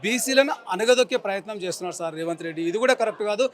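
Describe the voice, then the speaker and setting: A man's voice: high voice, expressive, very fast, a little hiss or hum. A man in his forties with a Telangana Telugu accent, angrily and emphatically ranting in a street interview and repeating his insults. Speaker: member of the public interviewed.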